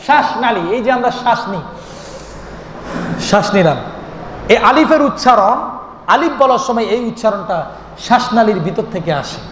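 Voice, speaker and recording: A man's voice: very high-pitched, lively intonation, moderate pace, pauses often, fairly bright tone, slight background noise. A man preaching a waz sermon, rhythmic and repetitive, asking the crowd questions and chanting at times. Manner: chants and sings the name of God. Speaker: Islamic preacher. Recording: echoing amplified sound in a long reverberant space.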